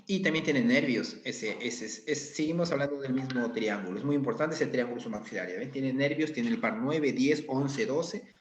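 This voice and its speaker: A man's voice: medium pitch, normal speed, hardly any pauses, slight background noise. A male anatomy lecturer explains slides step by step and keeps checking in with his students. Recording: echoey, dull lo-fi sound.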